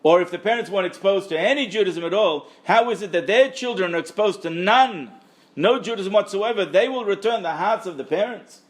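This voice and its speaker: Teaching a Torah lecture to a live group, a religious teacher speaks emphatically and repeats phrases for stress. His voice is high and brisk.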